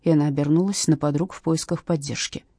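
A woman narrating a detective novel aloud in a lively, expressive way. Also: low-pitched, quick pace, no room sound. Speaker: audiobook narrator.

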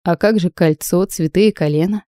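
A woman voicing a teasing, mysterious male mage in an audiobook, speaking low and soft with calm amusement. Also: normal speed, no room sound, clean studio sound, natural voice.

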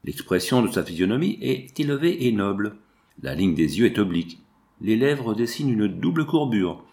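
A man reading a novel aloud in a measured, descriptive narration. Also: fairly low pitch, very animated, darkish tone. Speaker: audiobook narrator.

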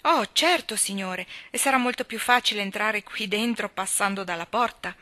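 A woman's voice: medium pitch, normal speed, sharp tone, natural voice. A woman voicing an old loyal gardener. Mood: earnest. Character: old male gardener, loyal and plain-spoken. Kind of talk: audiobook reading of a children's novel.

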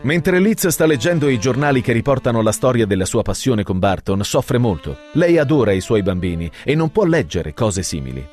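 A man's voice: medium pitch, sing-song, moderate pace, hardly any pauses, a little mellow, soft background music. A man narrating a scripted radio story in a dramatic, storytelling way.

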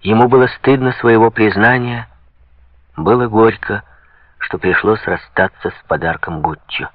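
A man narrates an audiobook in a measured, even way. His voice sits low and dry, with no room echo. The recording sounds dull and lo-fi.

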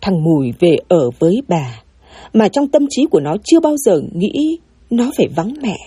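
A woman narrating a sad story in an expressive, emotional way. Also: on the low side, normal speed, breathy edge, no echo, faint music behind.

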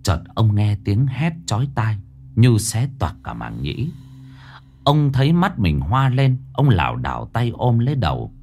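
A man's voice: fairly low pitch, huge pitch swings, measured pace, creaky, a little mellow. A man narrating a scripted ghost story in a dramatic, suspenseful way. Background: faint background music.

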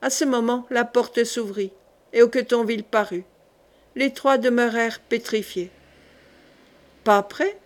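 A woman reading a historical novel aloud as an audiobook, measured and steady. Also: fairly high pitch. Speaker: audiobook reader. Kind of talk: scripted narration of a historical novel.

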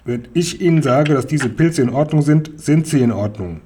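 A gruff, greedy robber from a storybook who barks commands and scoffs at everyone, as a man reads him aloud. His voice is husky and domineering. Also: on the high side, expressive, moderate pace, mellow. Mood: dismissive. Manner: barking, domineering, mocking. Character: gruff bossy male robber, greedy and mocking.

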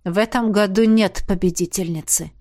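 A woman voicing a weary young apprentice who speaks in a tired, measured way. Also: fairly high pitch, animated, a little mellow, dry recording, studio quality, lightly acted.

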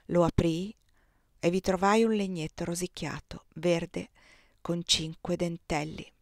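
Give me a woman narrating an audiobook in a measured voice, dry and close. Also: fairly low pitch, steady tone, no room sound. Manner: measured, voicing the dialogue softly. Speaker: audiobook reader. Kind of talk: literary audiobook reading.

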